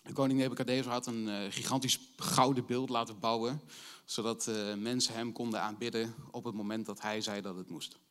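A young man stands up in church to share a testimony and read a Bible passage. His voice sits at an ordinary middle pitch, and he speaks in a hesitant way, filling pauses with "eh" as he finds his words. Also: steady tone, fairly bright tone. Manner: hesitant, many fillers. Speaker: church member giving a testimony.

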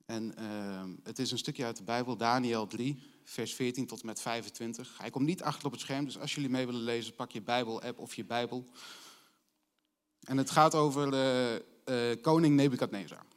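A young man giving a church testimony and reading aloud from the Bible. He hesitates often and fills pauses with "eh". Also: mid-range voice. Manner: hesitant, many fillers.

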